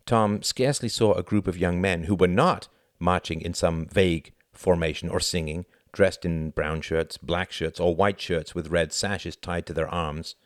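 A man reading a novel aloud as an audiobook narrator, in an expressive storytelling manner. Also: deep voice, a little slow, hardly any pauses, no room sound, clean studio sound. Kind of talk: scripted narration.

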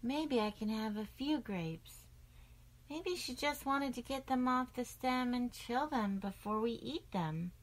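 A woman voicing a curious young girl in a storybook, speaking softly and slowly in a light, wondering tone. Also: fairly high pitch, rough recording. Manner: soft, slow, wondering.

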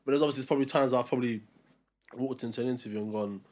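A man with a London roadman accent in a casual group debate, animated and slangy, repeating himself for emphasis. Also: medium pitch, very fast. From Albania.

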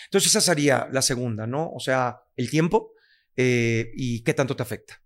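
A podcast guest with a Mexican accent talks bluntly in a candid conversation, swearing freely and acting out other people's lines. His voice is medium-pitched at a moderate pace.

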